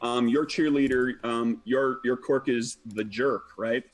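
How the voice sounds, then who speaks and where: A man as game master, explaining rules in a relaxed way with many ums and uhs. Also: mid-range voice, slow pace.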